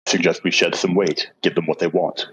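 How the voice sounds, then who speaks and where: A man playing a stern, pragmatic hunter in a tabletop game, speaking in a husky, curt, coldly formal way. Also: sits low, flat delivery, moderate pace, fairly bright tone, poor audio. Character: stern, pragmatic great hunter, coolly self-interested.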